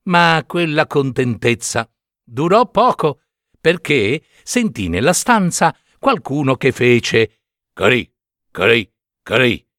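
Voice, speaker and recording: A man reading a children's story aloud in a lively, unhurried way. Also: fairly high pitch, dry recording, studio quality.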